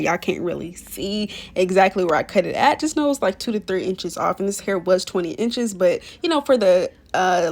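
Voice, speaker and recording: Chatty young woman narrating a tutorial. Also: medium pitch. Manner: chatty, slangy, apologizes for stuttering. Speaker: beauty vlogger. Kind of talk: casual tutorial voice-over.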